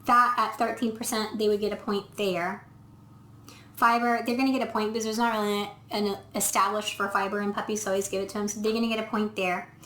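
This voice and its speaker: This is a fast-talking woman with a mid-range, somewhat bright voice and little pitch movement. A veterinarian, she films herself in an indoor room giving a casual dog food review, explaining step by step as she thinks aloud and says um often. The room is echoey, captured on the camera mic.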